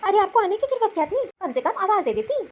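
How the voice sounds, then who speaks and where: A woman's voice: very high voice, big pitch swings, fast, slight background noise. A woman voicing a bossy, selfish young sister-in-law in a cartoon story, curt and dismissive. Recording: slightly dull lo-fi recording.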